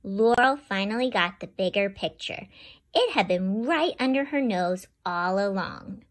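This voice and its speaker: Reading a picture book to kids, this female host stays lively and addresses her little listeners head-on. She speaks at a medium pitch and a touch slowly.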